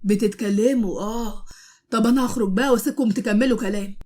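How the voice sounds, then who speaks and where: A woman's voice: on the high side, quick pace, a little mellow, lightly acted. A woman with an Egyptian accent voicing a cheeky, joking young male relative. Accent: Egyptian Arabic.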